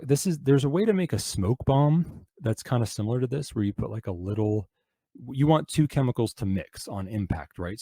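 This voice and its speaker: A man's voice: fairly low pitch, warm tone, slightly rough, no echo, studio quality. Crude, sardonic man reading on air. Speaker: radio show host. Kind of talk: reading a prank guide aloud with commentary.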